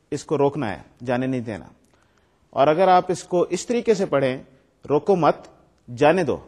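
A man's voice: on the high side, darkish tone. A man giving a recorded lecture. He explains step by step, mixes in English technical terms and reads his examples aloud with stress.

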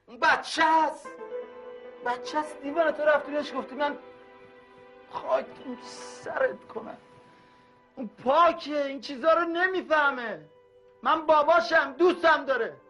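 A man's voice: mid-range voice, very animated. A volatile addicted father. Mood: furious. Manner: shifts from soft coaxing to shouting. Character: man, addicted father, tender then explosive. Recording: music playing under the dialogue.

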